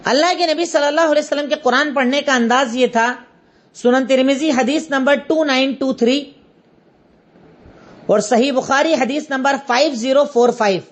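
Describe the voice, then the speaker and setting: A woman with an Indian Urdu accent gives a religious lesson in a high voice. She goes step by step and says her references twice so they sink in. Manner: explains step by step, repeats references. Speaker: religious teacher. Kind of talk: Islamic lesson lecture.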